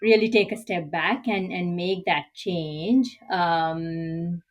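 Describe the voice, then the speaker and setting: A middle-aged Sri Lankan woman speaks slowly in a fairly low voice as a guest executive coach in an interview. She answers candidly and reflectively, often closing her points with "right?".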